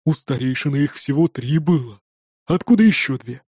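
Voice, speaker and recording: A man's voice: on the high side, animated, normal speed, a little mellow, husky, no echo, studio quality. A man voicing Korg, a bitter, vengeful young male thrall who speaks urgently and insistently.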